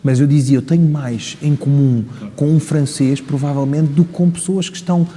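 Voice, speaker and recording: In a large, reverberant mosque room whose recording carries a long, hall-like reverb, a man from Portugal answers interview questions as a community leader. His voice is fairly high-pitched and dark-toned, at a moderate pace with fairly even intonation and a European Portuguese accent, and he's articulate and emphatic, using rhetorical questions.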